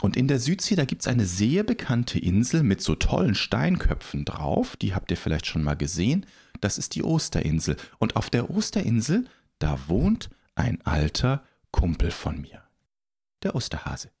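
Male storyteller as a pirate captain for kids, lowish voice, swooping wildly up and down. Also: moderate pace, slightly rough. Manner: animated, theatrical, swinging between whispers and calls.

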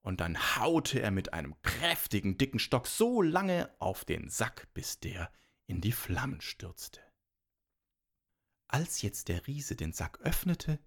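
A male storyteller telling a fairy tale aloud. He takes his time, letting his voice climb and drop widely to build tension and humour. The telling is unhurried and vivid. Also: mid-range voice. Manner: lively, expressive telling.

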